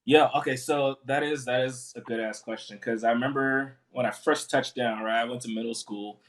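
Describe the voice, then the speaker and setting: A man's voice: medium pitch, steady tone, normal speed, a bit bright. A young man from Africa, a podcast co-host, chatting casually and laughing often with friends. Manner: laid-back, laughs often. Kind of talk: casual chat.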